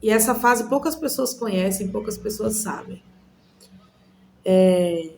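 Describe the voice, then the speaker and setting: Woman vlogger from Goiânia, Brazil, earnest personal testimony, measured and paused, mid-pitched.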